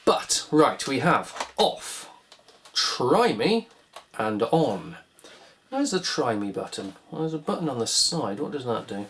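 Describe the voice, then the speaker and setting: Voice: mid-range voice, big pitch swings, takes it slowly, a bit bright. A vlog host giving casual hands-on repair commentary, musing wryly and asking themselves questions in a rambling way. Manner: rambling, wry musing with self-directed questions.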